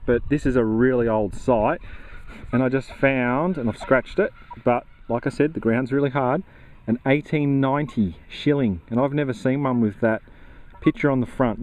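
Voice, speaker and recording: A man's voice: medium pitch, a little mellow, slight background noise, poor audio. An Australian man narrating casually while metal detecting outdoors, chatty and easygoing with plenty of slang. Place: outdoors in a grassy paddock.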